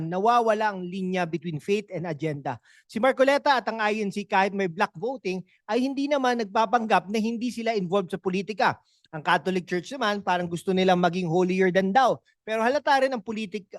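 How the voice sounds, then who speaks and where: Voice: medium pitch, dry recording, clean studio sound. A host with a Filipino accent giving political commentary on a vlog, sarcastic and full of rhetorical questions and tag questions. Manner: conversational, with frequent tag questions.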